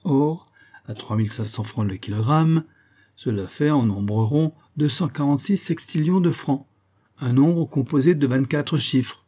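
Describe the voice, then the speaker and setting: A man's voice: mid-range voice, measured pace, warm tone, pitched above the performer's own voice, close to an everyday voice. A man voicing a cantankerous, proud old astronomer professor who lectures precisely, stressing each syllable. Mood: lecturing.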